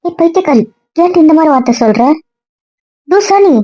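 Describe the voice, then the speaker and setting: ஒரு பெண் நடிகை, நேரடியாகவும் கடிந்துகொள்ளும் விதமாகவும் பேசும் இளம் பெண்ணாக நடிக்கிறார். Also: female voice, mid-range voice, steady tone, mellow, no echo, close to an everyday voice. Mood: scolding. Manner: quick, blunt, scolding. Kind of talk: web serial acting. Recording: dry dull lo-fi sound.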